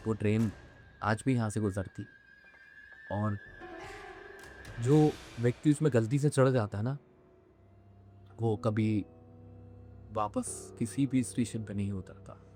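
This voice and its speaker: A man's voice: fairly low pitch, slow pace, pauses often, soft background music. A man voicing a grave old station worker. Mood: warning.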